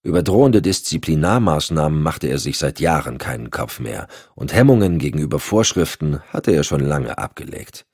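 A man narrating an audiobook thriller in a steady, measured way. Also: a bass voice, husky, no echo, clean studio sound. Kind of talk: scripted narration.

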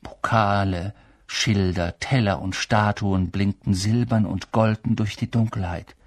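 A man narrating an audiobook in an expressive storytelling manner. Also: fairly low pitch, a little slow, no room sound, clean studio sound. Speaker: audiobook reader.

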